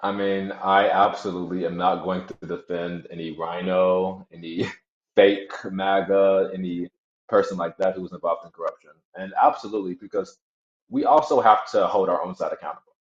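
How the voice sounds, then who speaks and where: A man's voice: deep voice, fairly even intonation, normal speed. A man speaking as a guest in a casual political chat, blunt and emphatic, now and then laughing mid-sentence, over a video call. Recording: echoey, dull remote audio.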